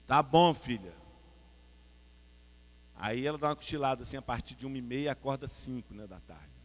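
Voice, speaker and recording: A Brazilian man preaching a sermon with a Brazilian Portuguese accent, telling the story in colloquial, lively style and often addressing the audience directly. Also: mid-range voice, fast, big-room sound, slight background noise.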